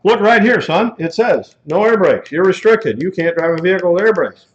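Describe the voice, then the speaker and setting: A man's voice: high voice, animated, normal speed, reverberant, pitched above the performer's own voice. A man acting out a blunt, stern state trooper. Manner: blunt, folksy, talks down to a young driver. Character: stern male state trooper scolding a driver. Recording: dull lo-fi classroom recording.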